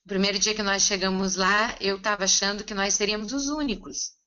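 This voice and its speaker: A woman interpreting a seminar consecutively, relaying each line in a steady, conversational way. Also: mid-range voice, brisk, muffled recording.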